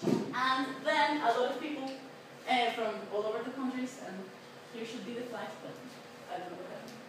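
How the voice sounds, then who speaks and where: Her voice is a little high and her pace moderate as she presents to her class, chatting along with frequent fillers and restarts. The twenty-something Colombian student speaks with a Colombian accent, Spanish being her native language, and is captured distantly in an echoey, noisy space.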